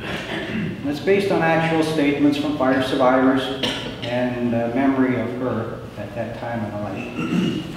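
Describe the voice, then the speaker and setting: Older guy telling family history to a room, measured, super echoey hall, mic far off. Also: medium pitch, steady tone. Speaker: storyteller of family history at a local historical talk. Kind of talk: prepared spoken talk to an audience. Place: large echoing indoor hall. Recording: very echoey hall, distant mic, background noise.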